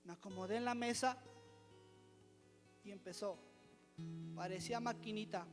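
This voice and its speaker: A man preaches a testimony sermon in a high, bright register, hammering home a repeated refrain and firing rhetorical questions at the congregation. His voice rings through a church hall with a long reverb tail. Soft guitar plays faintly underneath. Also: moderate pace. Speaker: member of the pastoral team.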